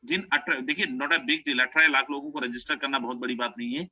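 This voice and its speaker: A young man runs an online sales webinar, coaxing listeners to stay and often calling them his friends. His voice is sharp, bright and tense. The sound is dry and close, as on a video-call mic. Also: mid-range voice, fairly even intonation, a little fast, no room sound, rough recording. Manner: persuasive, repeats "my friend", mixes English phrases. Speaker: webinar presenter.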